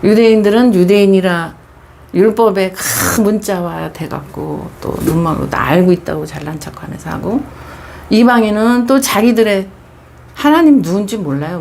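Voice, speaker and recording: A woman's voice: mid-range voice, creaky, a little mellow, slight background noise. A middle-aged woman pastor preaching a Bible devotional, telling the story expressively and dropping into whispers for emphasis.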